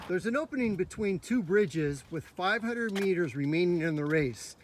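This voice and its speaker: A man's voice: high voice, animated, moderate pace. A man coaching as he walks a cross country course outdoors, explaining the route. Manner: instructive, upbeat. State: slightly out of breath. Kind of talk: walking course tour commentary. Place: outdoor park trail. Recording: faint outdoor noise.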